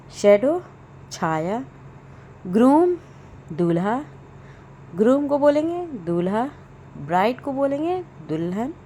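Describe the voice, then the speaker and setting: A woman with a fairly high voice runs a slow vocabulary drill, giving each word and its meaning twice over. She speaks very slowly and carefully, like a patient tutor. A faint hiss of noise sits behind her. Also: darkish tone. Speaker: English teacher.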